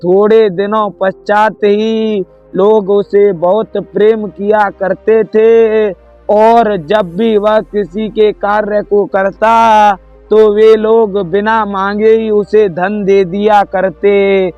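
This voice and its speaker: A man narrating a moral story in a measured, even style. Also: high-pitched. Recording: dull lo-fi with soft music.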